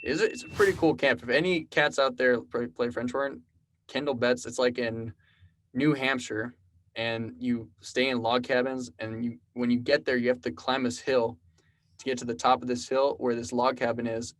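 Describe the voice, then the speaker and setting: A laid-back man in his twenties from South Texas rambles through stories as a podcast guest. A programmer and musician, he speaks in a mid-range voice at a moderate pace, relaxed and full of fillers in this casual conversational interview.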